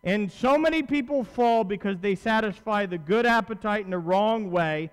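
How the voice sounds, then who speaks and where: At a pulpit in a large auditorium, a man delivers a sermon in a high, clear, resonant voice at normal speed, with long hall reverb on the sound. He addresses his listeners directly and conversationally, hammering points home through repetition and rhetorical questions.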